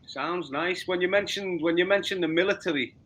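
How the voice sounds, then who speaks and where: A man in his forties with a Liverpool accent, interviewing a guest with halting, repeated words. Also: high voice, a bit bright. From Liverpool, England. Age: 40s. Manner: repeats words, stumbles into questions. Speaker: podcast interviewer. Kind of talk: casual interview.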